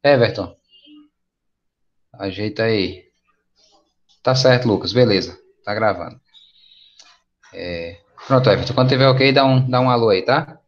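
A man's voice: on the low side, a little slow, pauses often. A man with a Brazilian Portuguese accent teaching an English class over a video call, patient and encouraging in a casual way. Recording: dull lo-fi online class audio.

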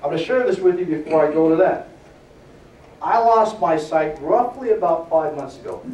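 Energetic middle-aged man in an echoey room. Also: on the high side, a little hiss or hum. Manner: energetic, checks in with the audience often. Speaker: motivational fitness speaker. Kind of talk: motivational seminar talk. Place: seminar room before a live audience. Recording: echoey room, distant mic.

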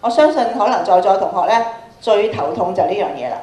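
A fast-talking woman with a warm, expressive, medium-pitched voice and a Hong Kong Cantonese accent trains students in radio drama. Using a handheld microphone in a large indoor school auditorium, she prompts them with questions and repeats phrases for emphasis, while the PA sound echoes around the room.

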